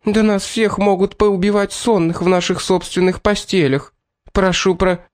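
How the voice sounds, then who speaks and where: A man voicing a shrill, panicky woman cook who grows indignant easily. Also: normal speed, close to an everyday voice.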